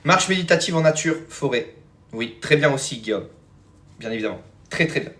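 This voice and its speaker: A man's voice: a little high, animated, a little fast, a bit bright. A man hosting a live stream as a spiritual teacher, chatting casually with viewers and answering their comments, with frequent fillers and a habit of addressing them as friends. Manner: rambling, many fillers and "hein", calls viewers "les amis".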